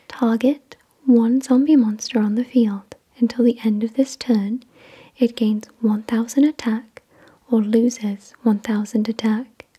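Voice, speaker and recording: An ASMR video host reads aloud in a breathy, unvoiced whisper that is slow, deliberate and soothing. Her voice sits on the high side with a warm tone.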